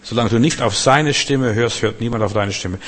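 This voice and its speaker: A man preaching a sermon, swinging between loud proclamations and quiet, conversational asides. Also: medium pitch, moderate pace. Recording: long hall reverb.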